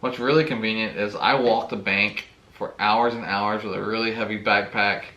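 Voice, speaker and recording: A man's voice: on the low side, steady tone, moderate pace, pushed and bright, roomy sound. A man hosting a fishing channel, casually unboxing tackle and talking with enthusiasm, often saying "really, really.".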